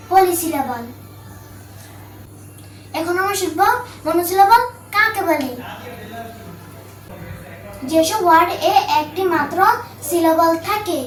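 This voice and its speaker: A woman who hosts her channel, teaching a slow, careful grammar lesson and listing examples one word at a time. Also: very high-pitched, a little hiss or hum. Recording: echoey room, mic at a distance.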